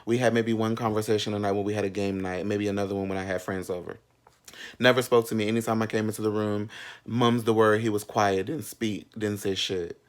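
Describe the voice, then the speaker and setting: A man in his thirties, fairly quick and steady in tone with a voice on the low side, shares a personal story. His casual, animated storytime chat is sassy, slangy and candid, with frequent asides.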